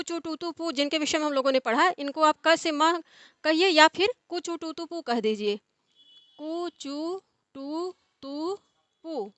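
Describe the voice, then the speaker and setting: A young woman gives a Sanskrit grammar lesson in a high, bright voice. She explains step by step, circling back to rephrase each term. The sound is dry and close, with no room around her. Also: dry recording. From India. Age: young adult. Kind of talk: explanatory lecture.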